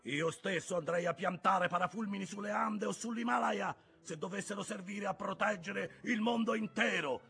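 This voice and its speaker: A man's voice: high-pitched, normal speed, gravelly, few pauses, sharp tone, husky, soft background music, voice pushed up, exaggerated voice. A man voicing a proud, obsessed old sea captain giving commands in an audiobook. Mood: defiant command. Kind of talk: audiobook character voice.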